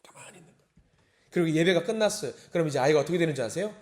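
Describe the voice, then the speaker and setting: A man preaches at an early-morning service, his voice sitting a little high and swinging widely in pitch. He reads scripture slowly and deliberately. He then acts out indignant, pleading prayers with rising intensity. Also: expressive. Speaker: pastor.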